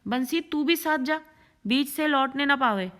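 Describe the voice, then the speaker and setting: Woman reading as a stern grown man, impatient and scolding, in a higher register, storybook reading. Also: moderate pace, pushed and bright. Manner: scolding, firm.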